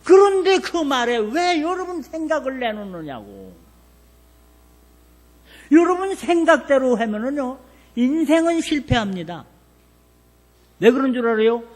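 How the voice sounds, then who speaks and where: Older male pastor, high voice, lively revival preaching with rhetorical questions. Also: measured pace, long pauses. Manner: folksy storytelling with rhetorical questions to the congregation. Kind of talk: revival sermon.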